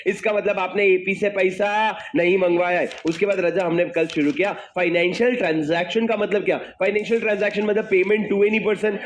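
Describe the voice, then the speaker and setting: A man teaching a class, energetic and teasing his students, then dictating slowly. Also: sits high. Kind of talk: lively classroom lecture. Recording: noisy classroom with class chatter. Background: students murmuring.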